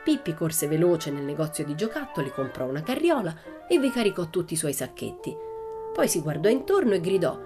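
A woman narrating a children's audiobook in a steady, expressive storytelling manner. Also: lowish voice, brisk, music in the background.

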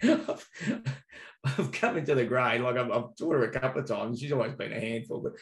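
A man's voice: mid-range voice, a little fast. An Australian man, a teacher, telling casual anecdotes in an interview, laughing often and swearing freely. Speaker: teacher and maths trainer. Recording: roomy echo.

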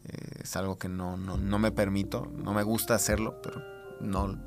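A man with a Mexican accent telling a personal story as a podcast guest, hesitant and halting with many fillers. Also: on the low side, flat delivery, music in the background. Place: recording booth.

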